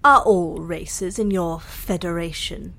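A woman voicing a cool, politely menacing alien interrogator in a sci-fi audio drama, measured and condescending. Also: on the low side, creaky, a bit bright, heavily acted. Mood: coolly curious.

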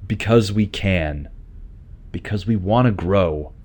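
Actor as deep-voiced defiant captive officer. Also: male voice, takes it slowly, a little mellow, husky, full character voice. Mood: earnest. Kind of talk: sci-fi audio drama acting.

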